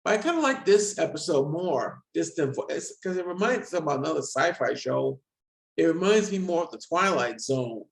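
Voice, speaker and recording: A man's voice: on the high side, lively intonation, vocal fry, low-quality recording. Rambling man in his forties. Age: 40s. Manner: rambling, quick and self-deprecating. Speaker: discussion guest. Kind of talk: casual video-call chat.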